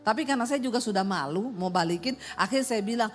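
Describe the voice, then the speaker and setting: A woman's voice: medium pitch, fast talker, soft background music. A middle-aged woman pastor, telling funny stories in a sermon and acting out voices and sounds. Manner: animated, acts out voices and sound effects. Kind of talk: humorous sermon storytelling.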